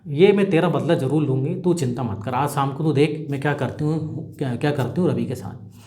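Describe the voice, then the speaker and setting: A man's voice: medium pitch, fairly quick, dark tone, roomy sound, natural voice. A man voicing a caring, protective middle-aged village aunt, with a plain, earnest reading. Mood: concerned.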